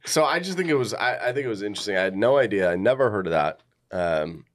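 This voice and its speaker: A man's voice: lowish voice, expressive, fast talker. A man from the United States co-hosting a casual podcast. He reads speech quotes and history notes aloud plainly, then chats on with fillers and restarts. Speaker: podcast co-host.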